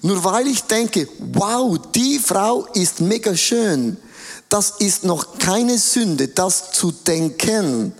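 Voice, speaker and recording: A man preaching a sermon, animated, drawing out key words for emphasis and acting out quoted voices. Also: sits high, slow pace. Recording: long hall reverb.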